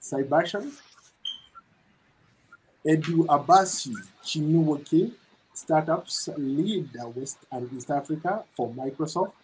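A middle-aged man reporting and hosting a news interview, speaking in a measured way, with fillers when he ad-libs. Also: on the high side, a little mellow, slight background noise, poor audio. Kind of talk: broadcast news narration and interviewing. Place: studio with branded backdrop. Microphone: lapel mic.

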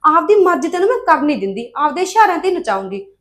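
Actress as a demanding young married woman: high voice, rapid, scolding. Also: very animated, fairly bright tone. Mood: scheming. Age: young adult. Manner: scolding, sulky, fault-finding. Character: demanding spoiled young married sister-in-law. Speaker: actress in a village family drama.

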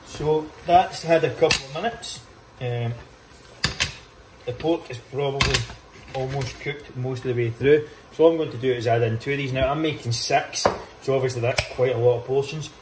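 In a very noisy recording, a young fitness vlogger with a mid-range voice and moderate pace casually explains a meal-prep recipe in his home kitchen. Chatty, upbeat, and loose with swearing, he holds a phone at arm's length. There's kitchen echo and faint clicking.

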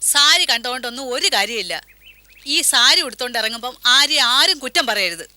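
A woman's voice: sits high, expressive, fairly quick, sharp tone, heavily acted. A doting, reassuring mother. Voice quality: soothing, motherly. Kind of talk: TV serial acting.

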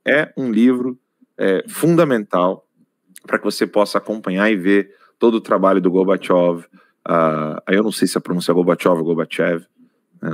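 Low-voiced Brazilian man hosting a live show. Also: dry recording, studio quality. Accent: Brazilian Portuguese. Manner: emphatic, urging viewers, self-correcting. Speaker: host. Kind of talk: live-stream commentary.

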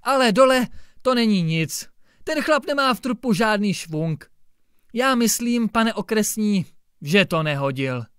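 A fussy, vengeful village policeman who finds fault with everything, played by a man reading aloud. His voice sits high with animated pitch. The recording is close and dry. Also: clean tone, no room sound. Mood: vindictive. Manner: fussy, nitpicking. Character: critical, vindictive male village gendarme.

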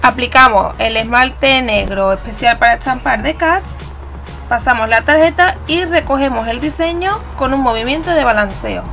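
A woman with a Spanish accent from Spain walks through a nail art tutorial, chatty and instructive, sometimes correcting herself. Her voice sits high and carries a gravelly edge. Soft music plays faintly underneath. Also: moderate pace. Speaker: nail art channel host. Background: faint background music.

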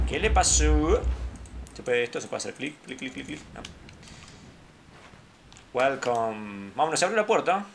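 Rioplatense let's-play gamer on a headset, middle pitch, chatty, muttering, jumpy, with faint hiss. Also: gravelly. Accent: Rioplatense Spanish. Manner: chatty, drops to low mutters, startled outbursts.

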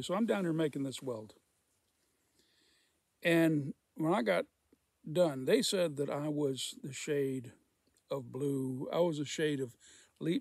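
Gravelly folksy man telling stories. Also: a little high, darkish tone, no room sound. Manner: folksy, rambling, repeats himself. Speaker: storyteller, former welder. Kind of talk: casual spoken storytelling.

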